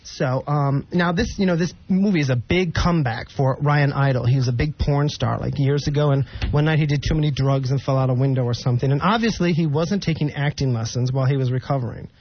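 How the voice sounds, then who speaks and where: A man's voice: mid-range voice, brisk, few pauses, husky, lo-fi sound. A man with a chatty, campy manner doing a casual comic monologue as host.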